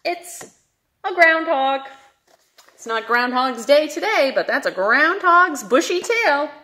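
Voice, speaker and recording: Animated high-voiced woman reading to kids. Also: takes it slowly. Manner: animated, questioning, sing-song. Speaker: children's librarian. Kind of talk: read-aloud story time for children.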